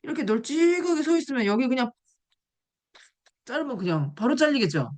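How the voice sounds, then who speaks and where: A woman's voice: sits high, a little fast. A woman giving a classroom nutrition lecture, explaining with examples and asking the audience questions. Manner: animated, asks the class questions.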